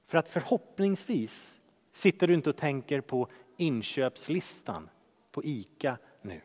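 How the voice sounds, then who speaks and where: A man preaching a sermon as pastor, earnest, swinging from loud emphasis to hushed softness. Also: sits high, long reverb tail. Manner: earnest, shifting between loud emphasis and hushed soft speech.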